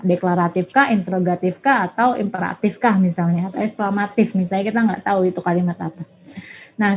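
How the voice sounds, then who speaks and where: A woman's voice: mid-range voice, darkish tone. Lo-fi woman teaching grammar. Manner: explanatory, frequent "nah" and "ya". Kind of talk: online grammar lesson. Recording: dull lo-fi audio.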